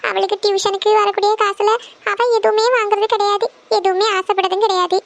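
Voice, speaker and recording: Woman doing a very high, gravelly-voiced cartoon mum, anxious and pleading, flat delivery. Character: worried poor mother of five daughters. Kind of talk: cartoon family serial voice acting.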